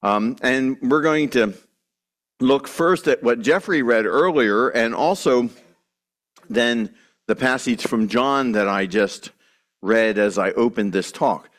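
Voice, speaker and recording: A man's voice: medium pitch, slow pace, fairly bright tone. A man preaching a sermon to his congregation, earnest and emphatic, with restarts and asides. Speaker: pastor.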